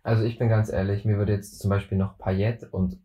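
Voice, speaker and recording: Male co-host from Germany; low, dark, even delivery, laid-back and dry. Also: quick pace. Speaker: podcast co-host. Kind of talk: casual football chat.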